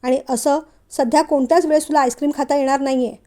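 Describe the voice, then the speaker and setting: Woman doing a middle-aged father, stern, caring, storybook reading, high-pitched, mellow. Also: fast, lightly acted. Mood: scolding. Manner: calm, then scolding.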